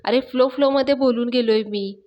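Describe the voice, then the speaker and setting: Woman reading as a quick-tempered, boastful young liar, taunting and defensive, fairly high voice. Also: steady tone, dull audio, natural voice. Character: boastful, hot-tempered young man who lies easily.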